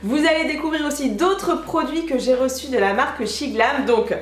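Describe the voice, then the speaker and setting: A young woman chatting excitedly to camera as a beauty vlogger, sitting at her makeup table indoors. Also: high voice, normal speed. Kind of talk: casual beauty vlog. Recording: echoey room.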